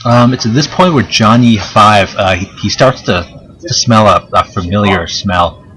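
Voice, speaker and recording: A man's voice: on the low side, measured pace, fairly bright tone, a little hiss or hum. A man running a tabletop game as game master, narrating casually in a hesitant, chatty, jokey way. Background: background game music.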